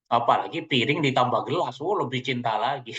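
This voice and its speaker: A male trainer gives a playful seminar talk, teasing his listeners and calling on them directly. His voice sits at a middling pitch. The recording is dull and lo-fi, as if from a seminar room. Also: fairly quick, a bit bright. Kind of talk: joking seminar talk to an audience.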